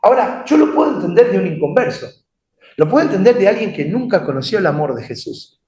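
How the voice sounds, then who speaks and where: Animated Rioplatense preacher in echoey hall. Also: male voice, sits high, fast talker. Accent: Rioplatense Spanish. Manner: conversational, animated, asks the congregation questions. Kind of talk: sermon. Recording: echoey room.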